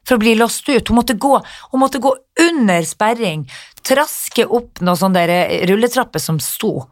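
A woman telling a story in casual chat, animated, acting out the people she quotes and swearing freely. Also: on the high side, dry recording, studio quality.

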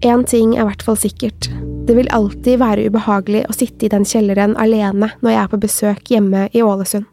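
A woman co-hosting a podcast, reading a listener's horror story aloud in a slow, measured way. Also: mid-range voice, level tone, mellow, faint music behind. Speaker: podcast co-host.

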